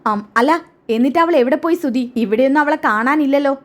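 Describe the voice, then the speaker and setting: A fierce old grandmother with a sharp tongue, scolding and contemptuous, as a woman storyteller puts her on. Her voice sits high and cutting. She is the family matriarch in a storybook retelling. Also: fairly quick, close to an everyday voice. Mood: furious.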